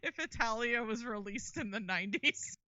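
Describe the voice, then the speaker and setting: A woman's voice: fairly high pitch, expressive, normal speed, pushed and bright, dry recording, muffled recording. A woman guest in casual conversation, joking and giggling and now and then imitating voices. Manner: jokey, giggly, mimics voices. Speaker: guest content creator. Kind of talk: casual video-call chat.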